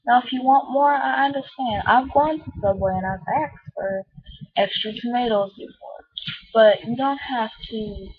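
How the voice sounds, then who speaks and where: A woman's voice: fairly high pitch, moderate pace, husky. A woman in a casual spoken rant as a shop worker, exasperated and emphatic, sometimes mimicking customers. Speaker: sandwich shop worker venting about customers. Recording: tinny, phone-like narrow band.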